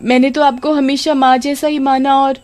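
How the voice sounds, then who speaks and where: A woman's voice: mid-range voice, animated, a little fast, lightly acted. A woman voicing a cruel, whiny young woman who shrieks and wails in a storybook tale. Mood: fawning. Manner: yelling, wailing.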